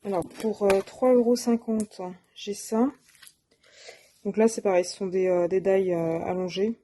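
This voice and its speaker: A woman's voice: medium pitch, level tone, a little slow, warm tone. A woman presenting her shopping haul of craft supplies in a casual, hesitant way, with many fillers and self-corrections. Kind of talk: casual show-and-tell.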